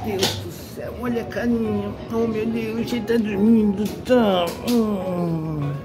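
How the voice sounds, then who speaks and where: This older man's voice sits high and moves a little slowly, carrying a Brazilian accent. Holding his phone at arm's length, he vlogs casually from a cat café, thrilled by the cats, with music in the background.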